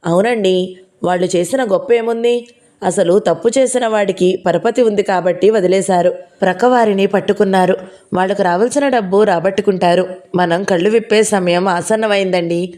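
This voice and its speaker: A woman's voice: medium pitch, normal speed, dark tone, close to an everyday voice. A woman voicing a spirited, outspoken young woman who teaches at a college. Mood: impassioned. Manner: passionate, outspoken.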